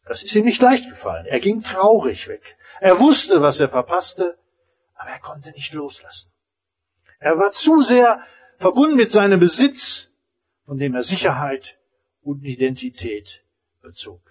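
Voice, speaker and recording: Man, pastor, sermon, husky voice, slightly high pitch, emphatic swings from loud to hushed. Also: sing-song, a little slow. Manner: emphatic preaching, rising and dropping to near silence.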